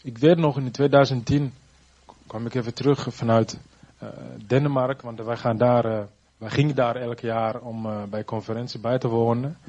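Halting, husky-voiced man testifying. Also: mid-range voice, fairly even intonation, a little mellow, muffled recording. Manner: halting, searching for words with many restarts. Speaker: churchgoer giving a testimony. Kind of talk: personal faith testimony.

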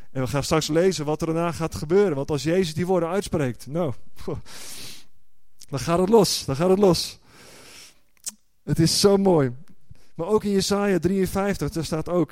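A man's voice: a little high, darkish tone, dry recording. A man preaching a sermon, explaining word meanings and building to fervent, emphatic exclamations with repeated words.

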